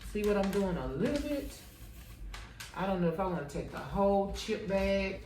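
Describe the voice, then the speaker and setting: A crafting vlogger chats to herself and her viewers as she works on a project, giving a casual tutorial peppered with Southern US slang. Her voice is mid-range, expressive and warm at a normal speed. The recording sounds roomy and distant, with faint ambience.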